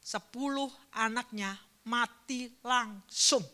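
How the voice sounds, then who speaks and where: A woman pastor preaching a sermon at a church service, telling a personal story with emotion and swinging between fervent and hushed speech. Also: a little high, slow.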